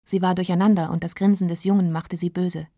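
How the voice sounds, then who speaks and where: A woman narrating a story aloud in a calm, even audiobook reading. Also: lowish voice, brisk, no echo, clean studio sound.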